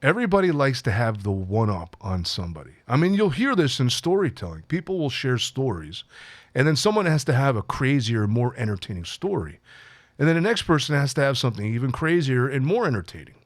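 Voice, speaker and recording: A life coach talks to camera on his own, sounding casual and reflective, with lots of fillers and restarts as he addresses his audience. His mid-range voice swings widely in pitch and moves a little fast. There's no room sound.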